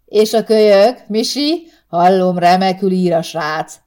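A woman's voice: fairly low pitch, dark tone, close to an everyday voice. Brief: female narrator doing a sly teasing tipsy boss, storybook reading. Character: jovial tipsy male boss.

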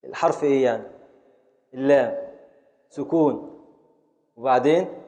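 In this classroom lesson, a man with a mid-range, dark-toned voice and an Egyptian Arabic accent teaches. He is an Islamic scholar of Arabic grammar and prosody who quizzes students and scans verse syllable by syllable.

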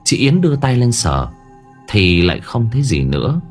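A man's voice: medium pitch, big pitch swings, normal speed, slightly rough. A man narrating a horror story in a dramatic storytelling manner. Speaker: audiobook narrator. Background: faint background music.

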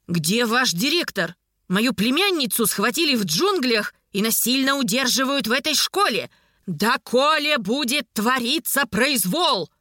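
A woman's voice: sits high, expressive, unhurried, hardly any pauses, pushed and bright, dry recording, studio quality, pitched above the performer's own voice, heavily acted. A woman voicing a wiry, temperamental male werewolf uncle who blusters and wails in theatrical complaint. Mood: indignant.

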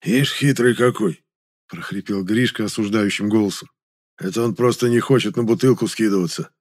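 A man voicing a hoarse, injured working-class man in a spoken audiobook story. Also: lowish voice, steady tone, brisk, darkish tone, natural voice. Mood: complaining. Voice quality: hoarse, wheezing.

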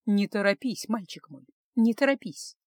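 A woman voicing a wise elderly woman who speaks low, quietly and in a measured way, in a storybook reading. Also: expressive, no room sound, clean studio sound. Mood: firm, gentle.

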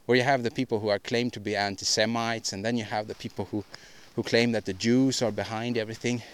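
A man's voice: lowish voice, level tone, fast talker, clean tone. Male podcast host, solo monologue; rambling, opinionated, frequent restarts and repeats. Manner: opinionated, ranting delivery.

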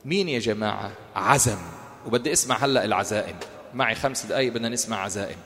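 A man's voice: on the low side, racing, a bit bright. Levantine man teaching in a reverberant hall. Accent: Levantine Arabic. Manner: colloquial, questions the audience and answers himself. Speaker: Quran course teacher. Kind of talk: interactive religious lecture.

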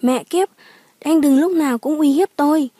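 A woman's voice: a little high, fairly even intonation, fairly quick, mellow, dry recording, lightly acted. A woman voicing a cold, vengeful young woman who sneers and screams back in an audiobook drama. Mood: shrieking. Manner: sneering, shrieking.

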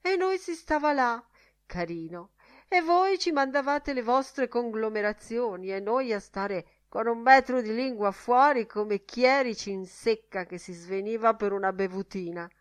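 A woman's voice: medium pitch, lively intonation, a little slow, a bit bright, pitched above the performer's own voice. A woman reading an audiobook, voicing a mocking, theatrical young man who slips into a whining comic dialect.

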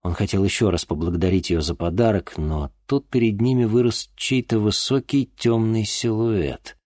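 A man's voice: on the low side, normal speed, darkish tone, no echo, studio quality. A man narrating an audiobook expressively. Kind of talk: scripted narration.

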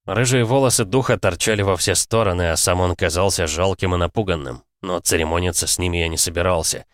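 Deep-voiced man narrating an audiobook. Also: fairly even intonation, quick pace, dry recording, studio quality. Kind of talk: dramatic fiction narration.

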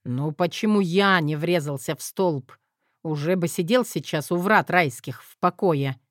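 A woman's voice: lowish voice, unhurried, no room sound, studio quality, pitched below the performer's own voice, natural voice. A woman voicing a burly, short-tempered husband who growls and speaks curtly. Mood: groaning. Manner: growling, curt.

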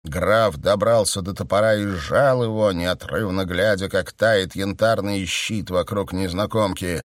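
A man narrating a fantasy audiobook in a steady, even storytelling manner. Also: deep voice, unhurried, no echo, clean studio sound.

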